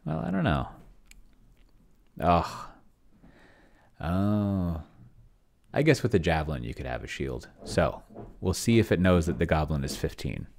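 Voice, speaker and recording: Testing an AI game master from a home-room desk, this middle-aged solo tabletop roleplayer talks through a casual screen share, thinking aloud in a halting mutter as he works. His very deep, gravelly voice is darkish in tone yet very animated, with slight background noise.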